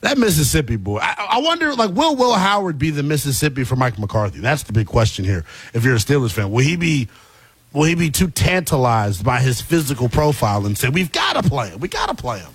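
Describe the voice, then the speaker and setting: A man hosts a sports talk show from a radio studio, his medium-pitched, husky voice moving fairly quickly with big pitch swings, recorded dry. Emphatic and colloquial, he works through a monologue and caller chat, repeating phrases to press his points.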